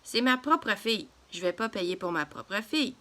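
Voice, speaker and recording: A woman voicing a firm, patient father who speaks slowly. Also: mid-range voice, expressive, sharp tone. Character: patient strict father, adult man.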